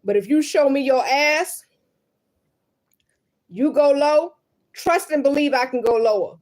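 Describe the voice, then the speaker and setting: A woman's voice: high-pitched, unhurried, a little mellow. A mother venting to the camera in a blunt, emphatic and profane way.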